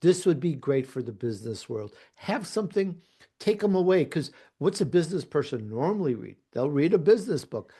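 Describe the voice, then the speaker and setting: A middle-aged podcast guest, born in Italy and raised in Chicago with a light Chicago accent, tells his story over a video call. His fairly high, mellow, slightly rough voice is very animated and quick, and he's earnest and emphatic, repeating phrases as he goes.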